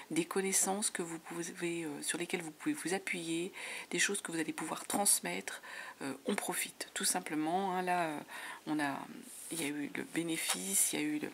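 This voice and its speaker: A woman giving a monthly tarot reading in a soft, half-whispered voice full of fillers, her voice giving out. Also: lowish voice, vocal fry. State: voice giving out, clearing throat. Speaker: tarot reader. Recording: noisy home recording.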